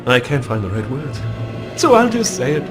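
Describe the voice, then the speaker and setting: An actor playing a scheming, greedy villainous count in a video game, with an oily, hammy, grandiose delivery. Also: male voice, mid-range voice, very animated, moderate pace, lightly acted. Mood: oily, mock-tender. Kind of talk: video game character acting. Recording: loud music behind the voice.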